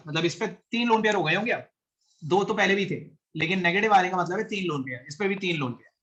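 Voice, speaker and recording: A man's voice: high-pitched, a bit bright. Male chemistry teacher, live class lecture; patient step-by-step explainer who keeps checking understanding, drops English terms into his talk. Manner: explains step by step, often checks if students follow; mixes English science terms into Hindi. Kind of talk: classroom lecture with online students.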